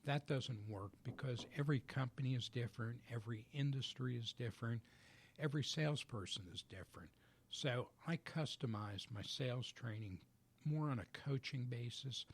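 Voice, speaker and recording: A man guest on a business radio show in a studio, explaining his coaching work in a measured, methodical way. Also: mid-range voice, breathy edge. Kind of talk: radio interview answers.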